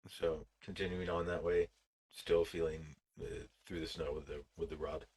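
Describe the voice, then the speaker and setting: A man's voice: extremely low pitch, flat delivery, normal speed, darkish tone, slight background noise. A man playing in a tabletop game, hesitant and casual, with many fillers and easy laughter. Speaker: player.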